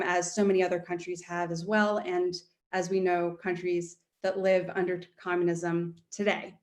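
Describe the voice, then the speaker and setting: A woman's voice: lowish voice, roomy sound. American woman professor giving an earnest talk. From United States. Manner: earnest, frequent ums and restarts. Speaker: history professor. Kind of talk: speech at a community event.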